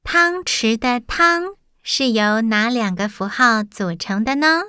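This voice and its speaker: A woman teaching young children to read, with a fairly high, clear and smooth voice. She goes extremely slowly, pronouncing each word deliberately as a model to be repeated. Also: expressive, bright, forceful tone, no room sound, studio quality. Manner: deliberate, carefully enunciated. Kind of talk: slow children's phonics lesson, read aloud for repetition.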